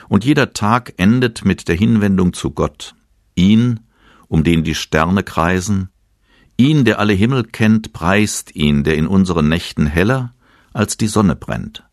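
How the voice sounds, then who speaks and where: A man with a very low, deep voice reads a calm evening devotional. His delivery is slow, measured and solemn. The sound is close and dry. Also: dry recording.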